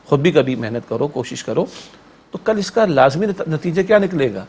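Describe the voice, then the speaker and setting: A man's voice: a little high, sing-song, a little mellow, husky. A male Islamic scholar on a religious TV talk show, speaking emphatically and preachily, piling up rhetorical questions and repeated lists.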